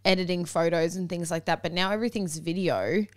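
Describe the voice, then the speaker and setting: A woman chats loosely on a podcast, swearing and rambling. Her voice sits a little low. The sound is dry and close. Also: no echo. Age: 20s. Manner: chatty, swearing, quick laughs. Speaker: podcast co-host. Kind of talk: casual chat.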